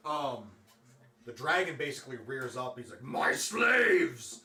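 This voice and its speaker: Bright-voiced man narrating a tabletop game. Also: mid-range voice, normal speed, far from the mic. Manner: loose and filler-heavy. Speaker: dungeon master. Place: room at a streamed game table. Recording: roomy, off-mic, faint room ambience.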